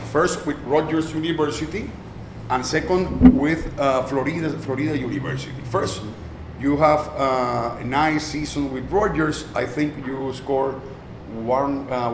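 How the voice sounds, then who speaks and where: A Puerto Rican man hosts a sports interview segment, hitting each sponsor name with punch before switching to halting English questions. His voice sits a bit high. The sound is roomy, with faint noise behind it. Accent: Puerto Rican Spanish. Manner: emphatic ad-style sponsor plugs. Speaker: interviewer and sports show host. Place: restaurant.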